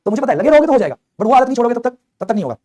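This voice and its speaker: Fast-talking, coaxing chemistry teacher man. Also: very high-pitched. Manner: energetic, coaxing, voices students' replies himself. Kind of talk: online lecture.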